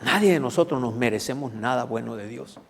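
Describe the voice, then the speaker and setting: A man's voice: medium pitch, a little fast, gravelly, husky. A man preaching a teaching sermon. He explains scripture and keeps checking in with the congregation. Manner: teaching, asks the congregation questions. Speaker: pastor. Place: church hall. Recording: long reverb of a church hall.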